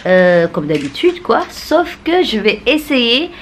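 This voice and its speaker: A woman with a Sundanese-Indonesian accent narrates a casual vlog outdoors in a city, hesitant and playful with many fillers, as music plays beneath her. Her voice is on the high side, very animated and slow, with a little hiss or hum.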